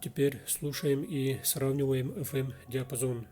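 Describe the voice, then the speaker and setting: A man's voice: mid-range voice, steady tone, measured pace, warm tone, faint music behind. A man narrating a product review voice-over in an explanatory, matter-of-fact way. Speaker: radio reviewer.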